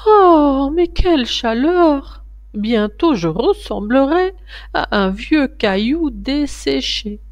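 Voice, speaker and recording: Storybook ogress, old and scheming, sweet-talking then menacing, slow and swooping, voiced by a woman reader. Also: high-pitched, lively intonation, dry recording, voice pushed up, exaggerated voice. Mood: weary. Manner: wheedling then menacing, drawn-out words.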